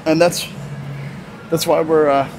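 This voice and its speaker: A man's voice: a little high, little pitch movement, unhurried, noisy background. A man in his twenties with a laid-back, rambling manner, vlogging casually from a large gym and laughing often between remarks. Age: 20s. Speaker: fitness vlogger. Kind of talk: casual walk-and-talk vlog. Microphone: phone camera on a tripod nearby. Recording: gym music playing loudly behind. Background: music playing in the gym.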